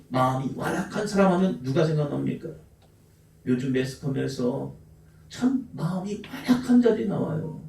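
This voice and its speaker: Male pastor, high raspy voice, fiery sermon delivery, echoey church from a distance. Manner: emphatic preaching, shifts between shouts and soft asides. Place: church sanctuary.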